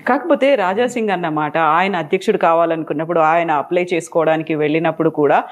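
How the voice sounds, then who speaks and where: A woman's voice: deep voice, very fast. A woman interviewer, pressing a politician with probing follow-up questions.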